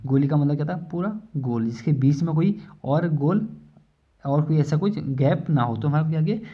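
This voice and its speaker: A man's voice: fairly high pitch, animated, normal speed, husky. A man teaching a casual exam-prep lesson, explaining with many fillers and questions he asks himself. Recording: slightly dull lo-fi recording.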